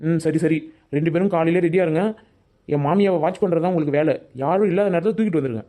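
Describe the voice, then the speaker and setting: A man's voice: fairly high pitch, fast, dark tone. A man voicing a self-pitying, scheming middle-aged village man in a cartoon. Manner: whining, scheming. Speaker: cartoon voice artist. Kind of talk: Tamil cartoon voice acting.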